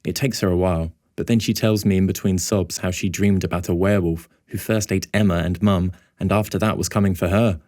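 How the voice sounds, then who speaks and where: A male audiobook narrator telling a story in the first person with a wry, inward manner. His voice is very low, and the recording is close and dry with no room sound. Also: fairly even intonation, brisk, few pauses, darkish tone, no room sound.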